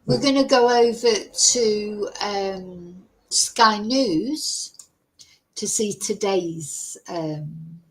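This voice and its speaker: A true crime channel host speaks in a mid-range voice over a rough recording. She's doing casual commentary over a live news stream, reading news reports aloud slowly and chattily and tossing in her own asides.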